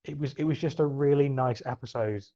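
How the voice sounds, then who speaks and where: A man's voice: mid-range voice, brisk. A man co-hosting a casual podcast, hesitant with many ums but enthusiastic. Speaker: podcast co-host. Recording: slightly dull lo-fi mic.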